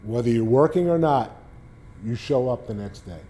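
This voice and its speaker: A man's voice: mid-range voice, lively intonation, moderate pace, mellow, a little hiss or hum. A man in his sixties with a Boston accent, telling rambling anecdotes with many restarts to a library audience. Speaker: guest speaker, former sports beat writer. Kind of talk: casual storytelling talk to a library audience. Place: public library talk.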